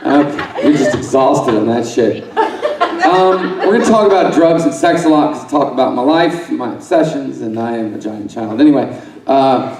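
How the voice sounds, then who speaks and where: A man's voice: mid-range voice, animated, normal speed, echoey room, distant mic, a crowd in the background, low-quality recording. A middle-aged man from Alabama doing a loose, improvised stand-up set, profane and self-mocking, rambling with fillers and side remarks. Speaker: stand-up comedian. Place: conference center room with a live audience.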